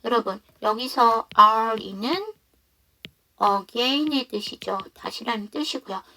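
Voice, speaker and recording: A woman teaching an online English lesson who explains patiently and reads example sentences slowly. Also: a little high, bright, forceful tone, slight background noise.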